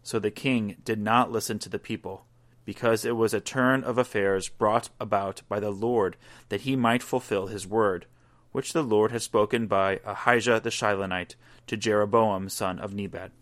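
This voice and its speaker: A man reading a scripture passage aloud in a measured, deliberate way. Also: fairly low pitch, fairly even intonation, fairly bright tone. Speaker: scripture reader.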